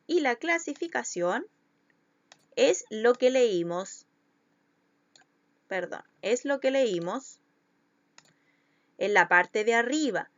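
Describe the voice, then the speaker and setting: A woman's voice: fairly high pitch, a bit bright, no echo, lo-fi sound. A woman schoolteacher, giving a recorded lesson to children and patiently stretching out syllables to show where the stress falls.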